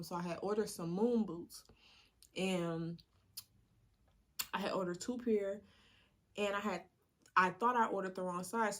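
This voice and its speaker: A young woman, chatting casually while eating for a mukbang video, laid-back, laughing often and using many fillers. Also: lowish voice. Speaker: mukbang vlogger.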